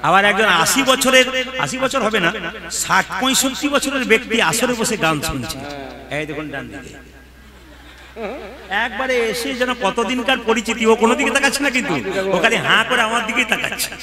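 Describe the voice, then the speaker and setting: Kirtan singer rallying a crowd, high voice. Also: male voice, expressive, moderate pace. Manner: playful, coaxing the crowd, laughs between lines. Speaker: kirtan singer leading a gathering. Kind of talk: devotional kirtan call-and-response with banter. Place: village kirtan gathering.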